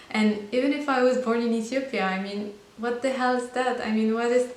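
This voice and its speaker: On camera, a Belgian vlogger in her twenties talks casually and earnestly about her life in her native French, restarting now and then. The voice is on the high side, steady, at a moderate pace. Faint hiss and room echo are audible.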